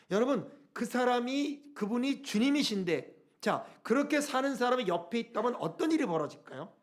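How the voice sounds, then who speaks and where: High-voiced man preaching a sermon. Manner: preaching with rhetorical questions, reading scripture aloud. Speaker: pastor. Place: church sanctuary.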